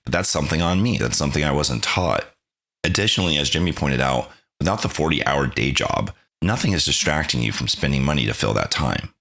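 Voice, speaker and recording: A man's voice: extremely low pitch, expressive, brisk, bright, forceful tone. A man hosting a podcast, thanking his guest and then recapping the lessons in a reflective, conversational way. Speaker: podcast host. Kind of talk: podcast interview and narrated recap.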